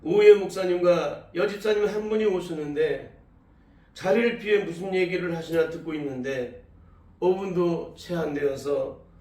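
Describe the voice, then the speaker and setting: A man's voice: high-pitched, moderate pace, a little mellow. A male pastor telling a testimony in a sermon, acting out the cries and words of the people in the story. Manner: tells a testimony, acting out quoted cries and speech. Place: church sanctuary. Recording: echoey hall, voice from far off the mic.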